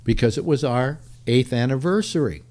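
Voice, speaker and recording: A man's voice: medium pitch, normal speed, darkish tone. Give me an older male host who rambles and jokes through a loose panel chat. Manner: rambling, repeats himself, joking.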